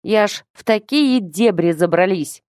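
Woman reading a gruff suspicious old man. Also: medium pitch, lively intonation, measured pace, no room sound, studio quality, lightly acted. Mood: interrogating. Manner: sharp, curt, interrogating.

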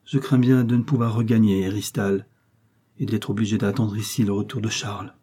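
A man reading aloud, voicing a frail, gentle young queen who speaks in a melancholy, resigned way. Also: lowish voice, fairly even intonation, brisk, slightly rough. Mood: frightened.

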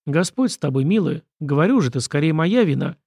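A man's voice: a little high, expressive, creaky, darkish tone, slightly rough, no room sound, studio quality, full character voice. A man reading the part of a witty, easygoing young prince with a wry manner. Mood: tender. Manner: wry, quick-witted.

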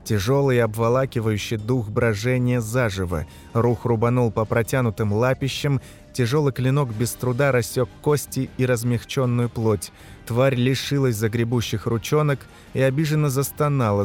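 A man reading a dark fantasy novel aloud as narrator, shouting the characters' lines in the battle scenes. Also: medium pitch. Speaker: audiobook narrator. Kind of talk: scripted narration.

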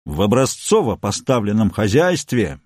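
A man's voice: fairly low pitch, sing-song, a little mellow, husky, no echo, clean studio sound. A man playing a domineering, pompous husband who lectures and bullies his wife. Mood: bullying. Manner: stern, bullying, slow and lecturing.

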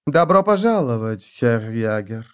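A man voicing an ageless vampire countess in an audiobook, speaking in a silky, slow, seductive way. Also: fairly high pitch, big pitch swings, darkish tone, clean tone, voice pushed up.

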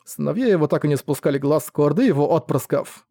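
Male narrator, measured storyteller, warm mellow timbre. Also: fairly high pitch, animated, gravelly, dry recording, clean studio sound. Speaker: audiobook narrator. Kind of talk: scripted narration.

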